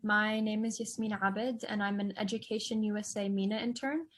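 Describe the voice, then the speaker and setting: A woman's voice: mid-range voice, steady tone, moderate pace. Upbeat young woman from California. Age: young adult. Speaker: student intern presenter. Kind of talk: webinar introduction. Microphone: video call.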